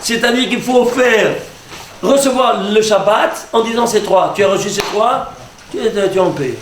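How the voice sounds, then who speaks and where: A man, a rabbi, teaching a lively lesson and quizzing his audience. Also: sits high, normal speed, a little hiss or hum. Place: lecture hall with audience. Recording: echoey hall with audience.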